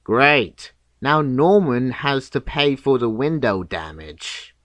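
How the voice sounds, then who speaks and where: A man giving scripted, nitpicking video commentary in a deadpan, sarcastic manner. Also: mid-range voice, slow, over loud music. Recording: clear background noise.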